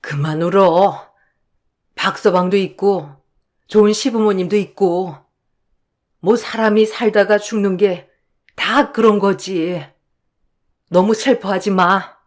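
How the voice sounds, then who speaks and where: A voice actor playing a gentle older mother who soothes her crying daughter in a radio drama. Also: medium pitch, slow pace, pauses often, natural voice. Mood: soothing. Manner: soothing, resigned. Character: gentle older mother, dying yet calm. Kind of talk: Korean radio drama reading.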